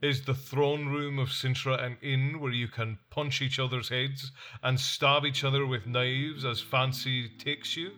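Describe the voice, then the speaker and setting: A man reading an audiobook voices a stern warrior king who speaks in a cool, measured, reproachful way. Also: mid-range voice, level tone, sharp tone, faint music behind. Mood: calm.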